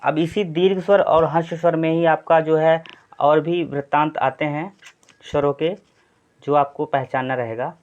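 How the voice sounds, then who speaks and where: Man teaching Hindi grammar, slightly raised pitch. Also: fairly even intonation, measured pace. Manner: explanatory, repetitive, frequent "thik hai" check-ins. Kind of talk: exam-prep Hindi grammar lesson. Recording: slightly dull lo-fi sound.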